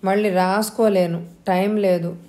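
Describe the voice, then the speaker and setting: Anxious younger sister, read by a woman, pleading, audio novel, soft and earnest. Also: medium pitch, fairly even intonation, unhurried, lightly acted.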